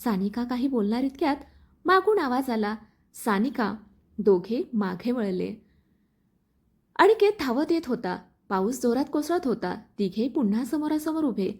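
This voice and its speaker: A woman narrating a dramatic storybook love story in an expressive way. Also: on the high side, normal speed, breathy edge.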